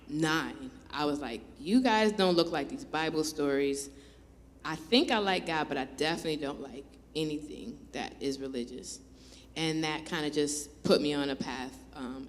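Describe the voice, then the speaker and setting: A woman from Buffalo, New York, sharing a personal testimony as a guest worship leader, candid and with self-deprecating humor. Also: low voice. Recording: reverberant church hall.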